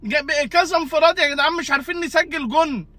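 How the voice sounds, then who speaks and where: A man with an Egyptian Arabic accent, delivering an exasperated comic rant and bursting into shouts. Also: very high voice, very fast, dry recording. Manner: exasperated, ranting, repeats "guys". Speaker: football fan comedian.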